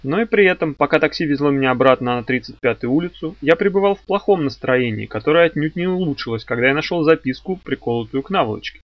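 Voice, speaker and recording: A man's voice: on the high side, lively intonation, fast, hardly any pauses, no echo, dull audio. A man narrating a detective novel in the first person, with a dry, ironic telling. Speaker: audiobook narrator.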